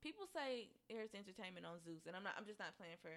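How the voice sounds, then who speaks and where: A woman co-hosting a podcast, chatting casually. Her pitch swings widely as she talks, landing at an ordinary middle height. She is animated and full of quick asides. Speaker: podcast co-host. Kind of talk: casual chat.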